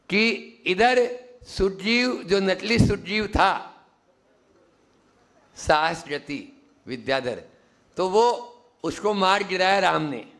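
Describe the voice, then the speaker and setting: A man's voice: high voice, a bit bright. A man, a Jain monk, giving a sermon at a teaching camp, asking his listeners questions and acting out little voices as he explains. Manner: teaching, asks the audience questions and acts out quick voices. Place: teaching camp hall with audience.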